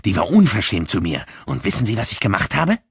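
A man reads as an agitated young man, bitter and self-satisfied, on the edge of hysteria. His pitch jumps up and down, with a husky rasp. The storybook reading is close and dry. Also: wildly swooping pitch, fast talker, no echo, full character voice. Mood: agitated, spiteful.

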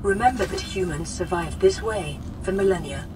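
A woman voicing a calm, gentle female care robot that makes computer announcements in a game and reassures the listener in an even, clinical way. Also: on the low side, normal speed, noisy background, natural voice.

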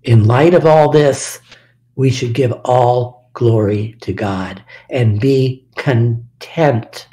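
An older man teaching a Bible study in a slow, deliberate sermon style, leaning hard on key words. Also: mid-range voice, mellow. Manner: emphatic, lingers on key words, sometimes drops to a whisper.

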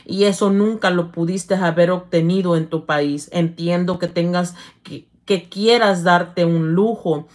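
A middle-aged woman, hosting a casual livestream, reading viewer comments aloud and calling her viewers "hija" in an affectionate, halting manner. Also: lowish voice, fairly even intonation, a little mellow. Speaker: livestream host.

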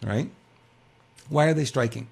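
A man's voice: mid-range voice, normal speed, gravelly, a little mellow, slightly rough. An older man co-hosting a political news talk show, reading news aloud and commenting casually with rhetorical questions and frequent restarts.

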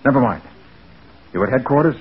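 An actor playing a quick-witted, assured American private detective in an old-time radio drama, brisk and cool under threat. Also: male voice, medium pitch, lively intonation, natural voice. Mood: brisk, confident. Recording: muffled, hissy old radio recording.

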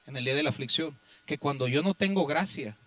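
A man with a high, bright voice preaches. He fires rhetorical questions at the congregation, rising to loud exhortation and then dropping to hushed, low passages. The sound is dry and close. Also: fairly quick, dry recording, low-quality recording. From Mexico. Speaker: pastor. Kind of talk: sermon. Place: church.

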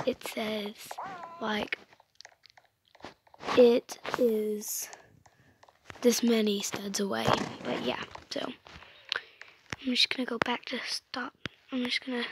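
A woman's voice: a little high, noisy background. A woman giving casual game commentary, often dropping to an anxious whisper and filling gaps with chatty fillers. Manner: drops to an anxious whisper while hiding, chatty with many fillers. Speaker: gameplay video host.

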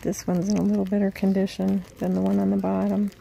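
Poor audio with slight background noise carries the quick, monotone narration of a woman in her forties who resells vintage goods. Her medium-pitched voice is gravelly yet mellow as she half-murmurs prices in a casual shop-with-me vlog, moving from an antique mall to a parked car, recorded on a phone at arm's length.

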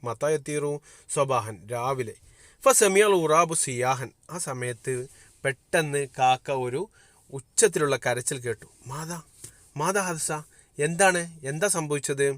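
A man from Kerala teaching a primary school Arabic class online. He reads textbook phrases slowly, then explains them and asks questions that he answers himself. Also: fairly high pitch, dry recording. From Kerala, India.

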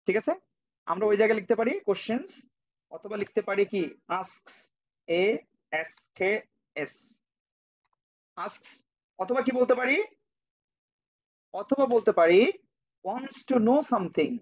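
A man from Bangladesh teaches English grammar to children in an online class, patiently repeating, spelling out words, and checking on students by name. He speaks high-pitched and a little slowly, with long pauses, through a cheap computer microphone that gives dull, lo-fi audio.

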